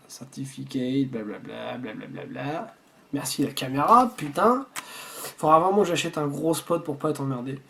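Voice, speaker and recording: A man chatting casually while unboxing a subscription box at home, rambling and swearing freely. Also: fairly high pitch. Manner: rambling with frequent restarts.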